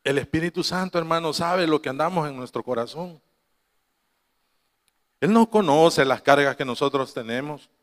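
High-voiced preacher man in a long-echoing hall. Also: normal speed, pauses often. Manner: storytelling, quoting his mother, laughing asides. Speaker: pastor. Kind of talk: sermon.

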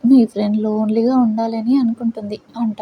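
A woman's voice: on the high side, level tone, brisk, highs cut off, slight background noise, lightly acted. A woman voicing a brooding, possessive young male boss who mutters and sulks. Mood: sulky. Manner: muttering, sulky.

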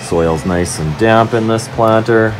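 A father in a home basement walking his kids through planting seedlings, explaining each step gently into a handheld phone camera. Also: on the low side, a little slow, background noise. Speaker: parent gardening with his kids. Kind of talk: casual home video.

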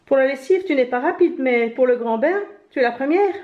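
A woman reading a storybook aloud, voicing a cheeky, hurried raccoon who teases in a high voice. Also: expressive. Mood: teasing. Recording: roomy, slightly dull home recording.

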